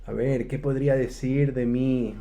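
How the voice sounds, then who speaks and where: A man from coastal Ecuador speaking as a podcast guest, calm and reflective. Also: medium pitch, measured pace. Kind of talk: podcast conversation.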